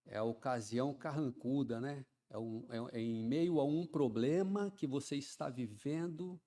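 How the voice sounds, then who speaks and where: A man, preaching a sermon in a chatty style that swells into loud, fervent emphasis. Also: medium pitch, a little slow. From Ceará, Brazil. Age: 50s. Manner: conversational preaching, often adds "né", builds to loud fervent emphasis.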